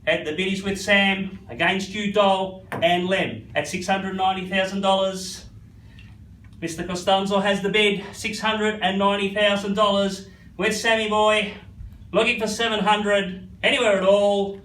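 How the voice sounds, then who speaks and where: A high-pitched Australian man runs a live property auction with repetitive patter, naming bidders as he goes. His voice rings with echo and sits a little back from the mic, with faint noise behind it. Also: level tone, moderate pace, fairly bright tone. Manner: repetitive, addresses bidders by first name. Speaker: real estate auctioneer. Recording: echoey, slightly distant, faint background noise.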